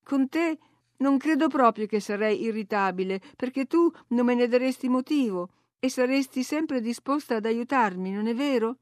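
A woman's voice: fairly high pitch, lively intonation, normal speed, darkish tone, no echo, studio quality, voice pushed up, close to an everyday voice. A woman voicing a sickly, petulant teenage boy in an audiobook reading, whiny and taunting. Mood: wheedling. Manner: whiny and taunting, sing-song jeering.

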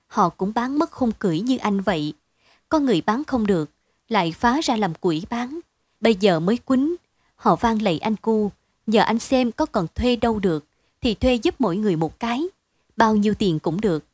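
A woman reading a story aloud in a steady, expressive bedtime storytelling manner. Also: mid-range voice, breathy edge, dry recording. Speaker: narrator.

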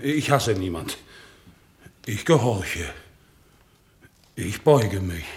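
Crippled war vet, super dutiful and earnest, swings way up and down in pitch, old radio play. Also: male voice, drawn-out words. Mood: zealous. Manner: earnest, excitable, stiffly dutiful. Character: crippled, devout, obedient war veteran on crutches. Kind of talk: 1960s radio drama acting.

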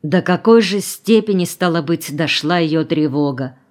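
A woman narrating an audiobook in an even, unhurried storytelling way. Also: on the low side. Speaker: audiobook reader. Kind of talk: scripted narration.

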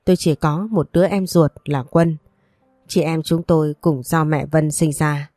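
A woman's voice: low voice, steady tone, unhurried, mellow, no echo, clean studio sound, faint music behind. A woman voicing a headstrong young woman in a storybook reading, speaking bluntly and coldly. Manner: blunt, cold toward her father. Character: headstrong young woman, grief-stricken granddaughter.

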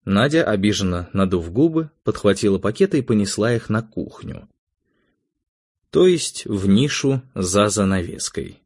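A man narrating an audiobook in the first person, with an expressive, ironic reading. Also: on the low side, normal speed, breathy edge.

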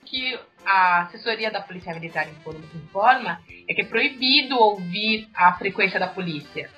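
A Brazilian woman casually telling newsroom anecdotes, acting out the dialogue with lively jumps in her voice. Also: normal speed. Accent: Brazilian Portuguese. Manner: animated, acts out dialogue with sharp pitch jumps. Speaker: newsroom radio monitor. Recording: muffled audio with faint music.

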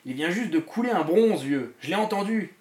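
A man voicing an excitable, indignant friend who stammers in panic. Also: sits high, moderate pace. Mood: panicked indignant. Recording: roomy echo.

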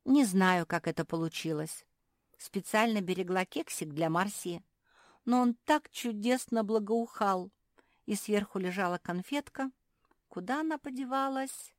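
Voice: squeaky. Figure: woman doing a greedy little pug. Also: unhurried, no echo, studio quality, natural voice. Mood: flustered. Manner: flustered, squeaky.

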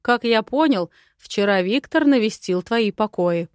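A woman voicing a calm, condescending old male lord in an audiobook. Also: medium pitch, a little slow, clear, resonant tone, no echo, clean studio sound, natural voice. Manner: calm, patronizing. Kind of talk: audiobook character voice.

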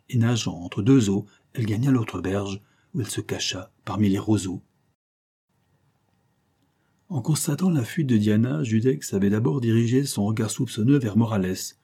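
A man narrating a classic adventure novel aloud in a measured, dramatic reading. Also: fairly low pitch, dark tone, slightly rough. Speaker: audiobook narrator. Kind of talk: scripted narration.

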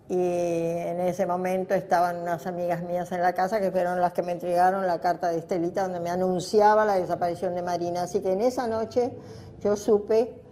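Speaking in a mellow, fairly low voice, an older woman with an Argentine accent shares her personal story as an interviewee. She reminisces thoughtfully and spontaneously, stressing points through repetition.

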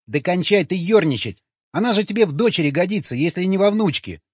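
A man reading an audiobook, voicing an indignant, hot-tempered man who shouts and scolds in agitation. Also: high voice, animated, fairly quick, breathy edge, no echo, pitched above the performer's own voice. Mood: outraged. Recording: dull lo-fi recording.

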